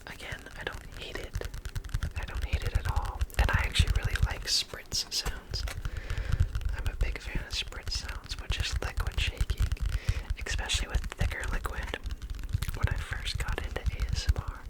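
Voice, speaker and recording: A man's voice: normal speed, low-quality recording. A man speaks entirely in a whisper, in the style of an ASMR creator. He rants casually and gives his opinions freely, while hedging them as he goes. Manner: whispering throughout.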